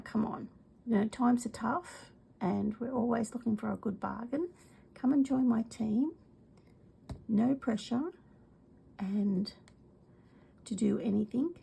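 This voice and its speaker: A middle-aged Australian woman, her voice congested and worn by a cold, chats casually in a craft video while showing off products, rambling with many ums and often slipping into a soft whisper. Her voice is a little high, creaky and slightly rough, and the recording is rough.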